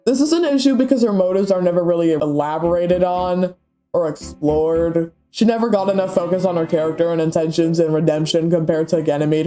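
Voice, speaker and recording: High-voiced stuffy young man ranting. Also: mellow. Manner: dry sarcastic asides. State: stuffy from a cold. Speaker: YouTube commentator. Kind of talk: scripted commentary rant.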